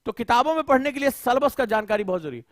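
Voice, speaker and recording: A man's voice: extremely high pitch, animated, very fast, dry recording, clean studio sound. A male coaching teacher lecturing students, firing rhetorical questions and scolding them.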